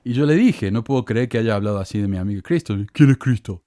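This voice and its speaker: A mellow-voiced, fast-talking middle-aged podcast host from Córdoba, Argentina, uses lively intonation and a Cordoba Argentine Spanish accent. He rants with rising pitch, reading hostile comments in a sarcastic, indignant manner. The recording is dry and studio quality.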